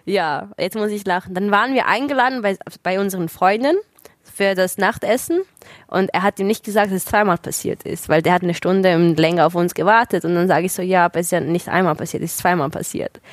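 Woman, casual chat, lively storyteller, dry close sound. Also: lowish voice, fairly quick, no echo. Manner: lively storyteller, laughs often.

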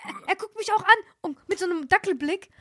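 A young woman with a high voice chats casually and retells an anecdote, imitating what others said. Her voice is recorded close and dry. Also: fast talker, a bit bright, no echo. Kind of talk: casual chat.

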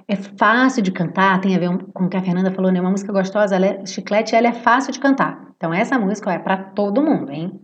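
A young woman with a Brazilian Portuguese accent runs an online lesson on English pronunciation. She explains in quick, lively bursts and then slows right down to model each phrase clearly. Her voice sits at a middle pitch for a woman.

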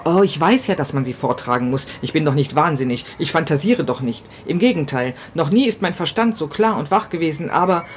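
Outdoors on a city balcony, a woman with a low, animated voice reads as a grieving, desperate man in a first-person literary novella, with slight background noise behind her. She halts and repeats herself, sinking to whispers and then bursting out.

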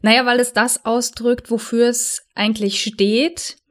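A woman, probably in her thirties, speaking to the listener in a personal, reflective monologue as a coach, soft and earnest, slowing to stress key words. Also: fairly high pitch, level tone.

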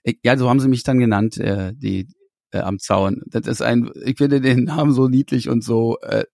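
The speaker is a musician giving conversational interview answers, lively but often stopping to restart as he gropes for words. His mid-range voice is creaky and moderately paced, with studio-quality sound and no echo.

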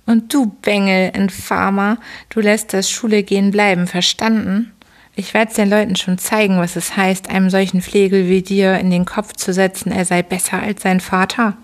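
A woman voicing a gruff, bullying middle-aged father who scolds his son in a bedtime audiobook reading. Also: mid-range voice, level tone, normal speed, lightly acted. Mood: threatening. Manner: bullying, scolding, barking questions. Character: gruff shouting drunken old father, middle-aged man.

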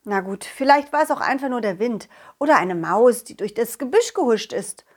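A woman narrating a children's audio story in a playful, animated way, also speaking as the main character. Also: a little high, moderate pace, husky.

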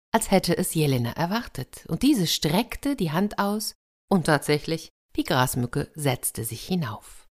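A woman telling a fairy tale aloud in a lively way, with chatty asides to the listeners. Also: deep voice. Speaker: storyteller.

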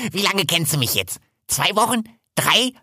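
A man's voice: a little high, big pitch swings, moderate pace, pushed and bright, breathy edge, dry recording, studio quality, voice pushed up, exaggerated voice. A man voicing a cheeky, joking little male forest animal in a storybook. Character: cheeky small male forest animal who climbs trees.

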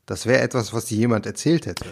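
A man's voice: mid-range voice, fast talker. A man in casual chat, dropping dry teasing remarks. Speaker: podcast co-host.

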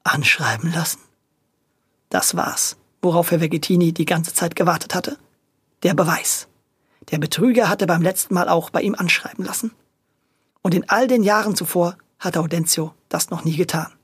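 A storyteller reading a children's audio story in a lively way. The voice is gravelly and husky, with a middling pitch. The recording is dry and close. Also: no echo. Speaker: narrator.

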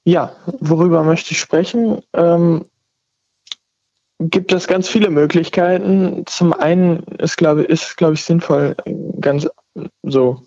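A man's voice: fairly high pitch, slow, a little mellow, dry recording. A man in his twenties calling in over the phone to a radio talk show, speaking hesitantly and hunting for words. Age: 20s. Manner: hesitant, searching for words with many fillers. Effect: heard over the phone. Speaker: caller. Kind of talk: casual call-in chat. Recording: dull, lo-fi phone line.

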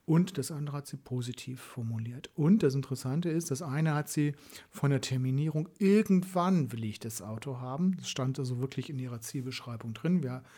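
Man, mid-pitched, mellow and slightly husky, chatty storyteller who quotes other people. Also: a little fast, few pauses. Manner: storytelling, quotes his client in lively asides. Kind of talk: casual conversation.

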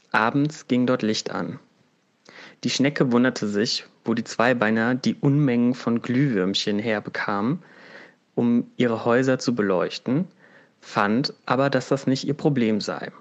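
Man, storyteller, read-aloud fable, calm and measured, mid-pitched voice, slightly dull recording.

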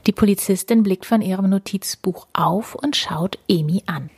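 Breathy woman reading a children's story. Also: medium pitch, moderate pace, dry recording. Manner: warm, animated storytelling for kids.

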